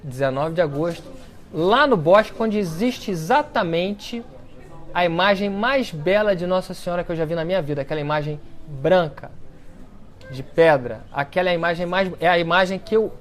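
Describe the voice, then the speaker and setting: A man giving a storytelling talk to an audience, acting out the quoted speech with lively shifts in his voice. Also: sits high, brisk. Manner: animated storyteller who acts out quoted speech. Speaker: speaker at a book launch talk. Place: lecture event before an audience.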